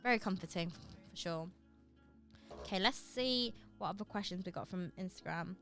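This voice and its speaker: A woman's voice: on the low side, normal speed, fairly bright tone, faint music behind. A woman co-hosting a casual livestream chat and reading out viewer questions, rambling with fillers and restarts. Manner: chatty, with many fillers and restarts. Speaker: livestream co-host.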